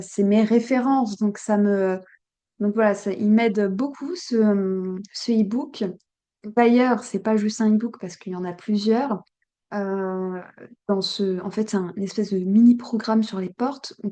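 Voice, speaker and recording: A woman's voice: on the high side, dark tone. A woman giving an unscripted tutorial, hesitant and full of fillers and restarts. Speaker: human design teacher.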